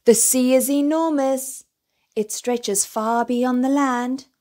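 A gentle father bear from a picture book, calm and reassuring as he explains things slowly, read by a woman storyteller. His voice is kindly and unhurried, only a little apart from the narration. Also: sits high. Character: patient, cheerful father bear.

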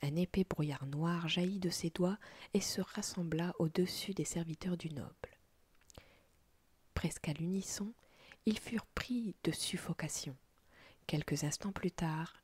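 A woman narrates a story as a whispered role-play, her voice a breathy, husky unvoiced whisper. She sits slightly low in pitch and close to the mic, with a dry, close sound and no room around her. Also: no echo. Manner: soft, slow storytelling in a whisper.

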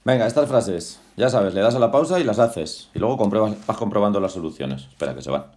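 At home with a dog, a male English teacher gives a casual lesson, repeating words over and over, correcting pronunciation and making chatty asides about being in a hurry. His voice is lowish and darkish, expressive and fast.

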